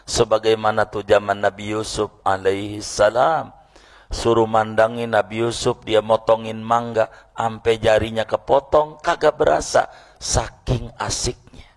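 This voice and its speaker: Deep, gravelly male preacher; folksy mosque sermon, acts out characters. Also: fairly even intonation, a little slow. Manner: folksy storytelling, acts out voices, teasing questions to audience. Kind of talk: mosque lecture after midday prayer.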